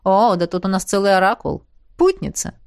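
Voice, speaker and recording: A blunt young male mage teases and mocks in a lowered, sardonic voice, as a woman reads him. His lines come from an audiobook reading, close and dry with no room sound. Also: animated, normal speed, no echo. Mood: mocking. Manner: sardonic, teasing.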